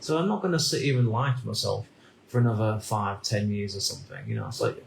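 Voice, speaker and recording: A man in his thirties from the United Kingdom, talking through a reflective personal monologue in a halting way, often repeating words and restarting sentences. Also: fairly low pitch, sing-song, vocal fry, reverberant, slight background noise, low-quality recording. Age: 30s. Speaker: vlogger.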